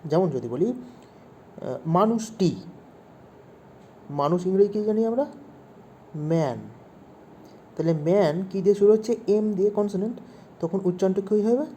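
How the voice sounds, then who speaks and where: A man's voice: sits high, measured pace, long pauses, warm tone, slight background noise. A man teaching English grammar to young pupils, asking questions and repeating the main points. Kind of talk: explaining grammar to children.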